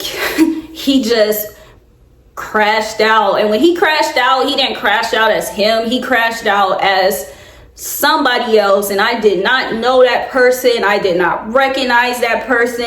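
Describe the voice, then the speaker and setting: High-voiced young woman telling a story. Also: a bit bright. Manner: emotional, rambling, nervous laughs, addresses viewers as y'all. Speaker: vlogger. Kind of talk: casual storytime. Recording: roomy echo.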